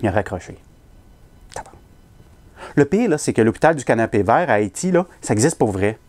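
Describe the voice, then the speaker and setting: A man's voice: medium pitch, sing-song, normal speed, darkish tone. A man with a Québécois French accent performing a comic story, self-mocking and punchline-driven.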